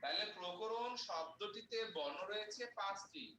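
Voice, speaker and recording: A male teacher giving a grammar lesson, explaining step by step and spelling out sounds slowly. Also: high-pitched, lively intonation, pushed and bright. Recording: echoey room, mic far off, faint noise.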